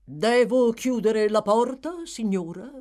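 A woman's voice: on the high side, animated, darkish tone, pitched above the performer's own voice. A woman doing a pompous beadle, Mr. Bumble. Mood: obsequious. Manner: pompous, indignant, drawn-out emphatic questions. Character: pompous self-important middle-aged male parish beadle. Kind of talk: audiobook reading.

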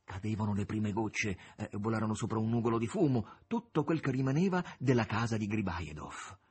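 Male audiobook narrator, husky, lively delivery. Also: fairly low pitch, a little fast. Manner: dramatic, varied intonation. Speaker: audiobook reader. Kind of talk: expressive literary reading.

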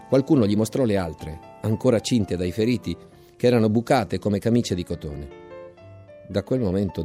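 A man reading a novel aloud in a measured, dramatic storytelling style, recorded in a radio studio. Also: on the low side, dark tone. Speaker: reader of a novel. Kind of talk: scripted literary reading.

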